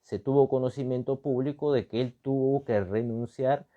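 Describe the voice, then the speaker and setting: A Peruvian political and constitutional commentator speaks off the cuff in a mid-range, steady voice at a moderate pace, his Peruvian accent clear. He analyzes emphatically, repeating phrases, asking rhetorical questions and using frequent tag words, on a lo-fi recording.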